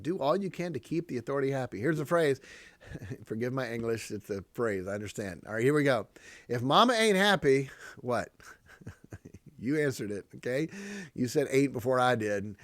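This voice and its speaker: A man teaching parents from proverbs, with emphatic delivery, repeated key lines and frequent chuckles. His voice sits at an ordinary middle pitch. The sound is dry and close. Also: normal speed, no room sound. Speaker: podcast host teaching parents. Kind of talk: preachy parenting talk on proverbs.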